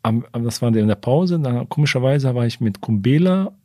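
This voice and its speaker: A man's voice: medium pitch, animated, normal speed, mellow, no echo. A man, a retired goalkeeper, telling stories from his career as a guest in a casual studio interview, rambling with many fillers and restarts. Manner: retells conversations in direct quotes. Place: podcast recording studio.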